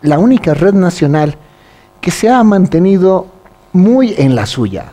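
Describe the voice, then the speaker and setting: A man's voice: high-pitched, very animated, a little slow, mellow. A man hosting a casual interview, attentive and affirming, often echoing his guest's words. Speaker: talk show host.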